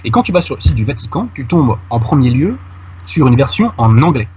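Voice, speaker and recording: A man's voice: medium pitch, very animated, fairly quick, mellow, husky, muffled recording. A man making a detailed argument in conversation with a host, addressing him familiarly. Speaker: guest commentator. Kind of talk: conversational argument on a radio-style show.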